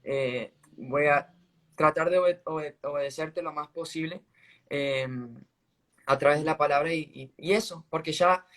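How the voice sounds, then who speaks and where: A man giving a casual faith testimony on a live stream, earnest and halting, restarting his sentences often. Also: fairly high pitch, a bit bright. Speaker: guest sharing a faith testimony. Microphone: phone on a live video stream.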